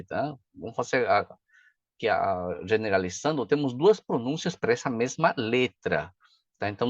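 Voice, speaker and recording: Chatty teacher, dull dry recording. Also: male voice, mid-range voice, dry recording. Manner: chatty, frequent "tá?" and "né?" check-ins. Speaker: pronunciation teacher. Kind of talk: casual video lesson.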